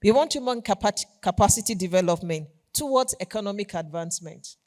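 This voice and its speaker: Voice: medium pitch, lively intonation, brisk, darkish tone. Polished, enthusiastic Nigerian corporate keynote speaker. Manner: polished corporate enthusiasm, emphatic repetition of key phrases. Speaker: company executive giving keynote address. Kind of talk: formal conference keynote speech.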